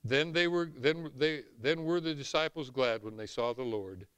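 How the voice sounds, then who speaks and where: A middle-aged or older man with a Southern US accent preaching an animated sermon in an emphatic, folksy way. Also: mid-range voice, normal speed, clean tone, dry recording. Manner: emphatic, folksy, swinging from hushed asides to shouts. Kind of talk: animated sermon with scripture reading.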